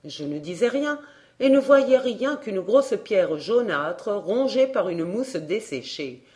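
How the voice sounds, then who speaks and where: A woman narrating a classic tale as an audiobook, in a measured, expressive storytelling manner. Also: mid-range voice.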